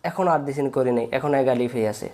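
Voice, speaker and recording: A man's voice: medium pitch, steady tone, fast talker, a little mellow. A man teaching Quran reading, patiently spelling out letters and drawing out long vowels, repeating each step. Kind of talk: slow step-by-step recitation lesson.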